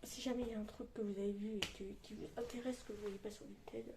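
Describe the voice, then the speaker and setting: A woman's voice: medium pitch, fairly even intonation, quick pace. A woman with a lisp on her s sounds, chatting casually to viewers in a rambling, colloquial vlog style. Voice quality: lisp on s sounds from orthodontic elastics. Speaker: vlogger. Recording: roomy echo, faint background noise.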